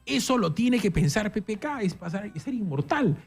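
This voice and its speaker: Man, Peruvian accent, emphatic storyteller, lively pitch, fairly high voice. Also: normal speed, gravelly, husky, soft background music. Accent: Peruvian Spanish. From Peru. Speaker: interview guest. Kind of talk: animated political conversation.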